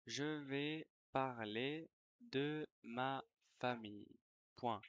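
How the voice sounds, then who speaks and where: A teacher dictating slowly to language learners, word by word, repeating phrases and calling out punctuation. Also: medium pitch, no room sound, muffled recording. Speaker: French teacher.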